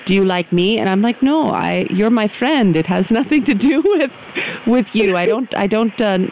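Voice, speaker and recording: A woman's voice: medium pitch, lively intonation. Lady radio host, chatty, encouraging, muffled lo-fi radio sound. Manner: chatty and encouraging, quick to laugh. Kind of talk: casual call-in radio talk. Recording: dull lo-fi radio with faint hiss.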